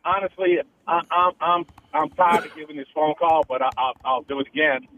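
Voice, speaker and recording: A man calling in to a radio show over the phone, talking in a halting way with many stammered restarts. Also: a little high, a bit bright, a little hiss or hum. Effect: heard over the phone line. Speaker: radio caller. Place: on his porch. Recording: tinny phone line.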